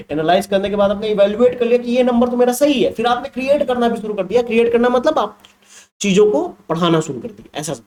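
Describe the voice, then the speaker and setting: High-voiced lively male teacher. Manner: lively, teasing, mixes Hindi with English terms, asks students questions. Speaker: exam-prep teacher. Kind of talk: online revision class. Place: indoors with a laptop.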